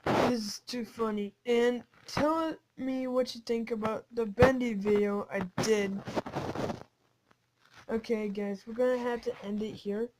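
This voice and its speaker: A woman commentating her own gameplay, giggling and switching between taunting whispers and excited shouts. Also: a little high, unhurried, very noisy. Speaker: gaming channel host. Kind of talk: game commentary.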